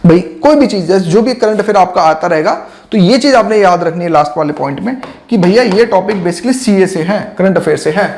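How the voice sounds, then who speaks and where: A man's voice: high voice, lively intonation, a little fast, few pauses, darkish tone. A man teaching exam preparation in a casual, chatty lecture style, addressing students directly with lots of asides.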